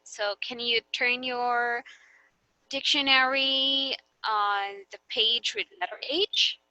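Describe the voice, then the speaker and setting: A woman teacher with a Filipino English accent leads a classroom demonstration lesson, checking in with students as she goes. Her voice sits high and sounds bright and crisp. The recording is dry and close, with no room echo. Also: slow. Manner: patient, guiding questions with frequent okay and right.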